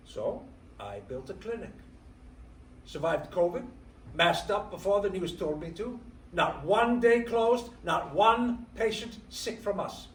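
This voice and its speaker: An actor in a staged theatre reading playing a proud Ukrainian immigrant man who runs a clinic, speaking a reflective monologue. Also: high-pitched. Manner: reflective monologue, lively delivery. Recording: roomy stage sound from far off, faint noise.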